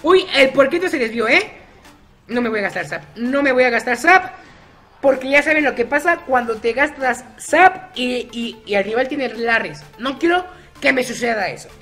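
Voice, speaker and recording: High-voiced guy narrating gameplay. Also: lively intonation, faint music behind. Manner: chatty, teasing opponents by name, quick shifts in loudness. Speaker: gaming YouTuber. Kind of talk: live gameplay commentary.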